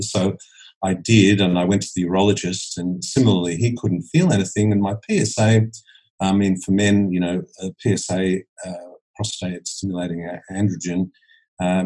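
A man's voice: low-pitched, mellow, slightly rough, poor audio. A man in his sixties from Australia, a holistic dentist, talking as a podcast guest in a hesitant way with many restarts. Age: 60s. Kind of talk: podcast interview.

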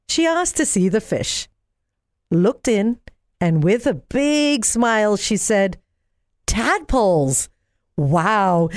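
A woman reading a bedtime story to young children as an expressive sleep story narrator. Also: medium pitch, dry recording, clean studio sound. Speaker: story reader.

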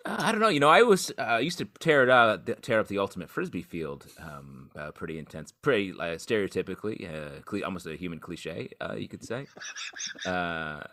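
A man co-hosting a podcast, chatting casually with halting phrasing. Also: low-pitched, expressive, pushed and bright. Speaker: podcast co-host.

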